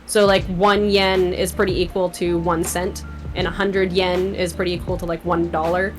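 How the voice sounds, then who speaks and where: A woman's voice: lowish voice, flat delivery, normal speed, faint music behind. A young woman, a podcast guest chatting casually, rambling with lots of "like" and frequent laughs. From Canada. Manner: rambling, laughs often, fillers like "like". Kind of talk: casual chat.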